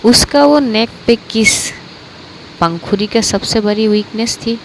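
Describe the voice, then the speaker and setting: A woman's voice: on the high side, slow, noisy background. A woman narrating a romance story aloud in a loose, casual way, with many fillers and restarts.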